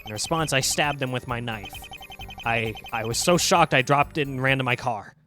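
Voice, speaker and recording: A man's voice: mid-range voice, normal speed, pushed and bright, close to an everyday voice. Man voicing a desperate, pleading defendant. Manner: pleading, emphatic. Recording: game music behind.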